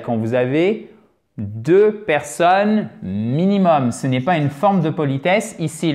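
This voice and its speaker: A man teaching an English lesson on video, lively and emphatic, often addressing his viewers as dear friends. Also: mid-range voice.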